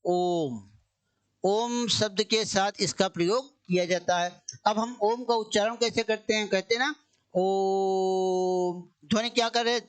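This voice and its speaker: A male Hindi teacher giving an exam-coaching grammar lesson, asking questions and answering them himself, repeating key phrases and drawing words out slowly. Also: high-pitched, steady tone, fairly bright tone, clean tone.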